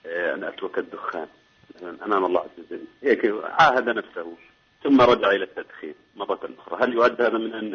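Deep husky man on the phone. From Jordan. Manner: formal, full of blessings. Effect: over the phone. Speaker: caller. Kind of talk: polite phone question. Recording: muffled distant phone line.

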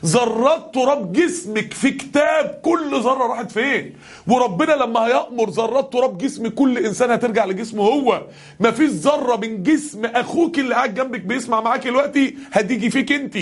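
A man with an Egyptian Arabic accent preaching a passionate sermon to a congregation, his voice climbing to shouts on the key lines. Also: very high voice, fast talker, breathy edge. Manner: impassioned, rising to shouts on key verses.

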